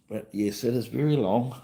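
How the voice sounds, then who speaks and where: This livestream host and vlogger is a New Zealand man whose medium-pitched voice carries a dark tone. He runs a laid-back chat in a loose, rambling manner, frequently saying the same things again.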